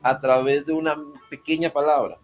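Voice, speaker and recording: Male pastor preaching casual-like, a bit high voice, cracks jokes, asks the crowd stuff, soft music behind. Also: little pitch movement, moderate pace. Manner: informal and joking, talks straight to listeners with questions. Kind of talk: conversational sermon on prayer.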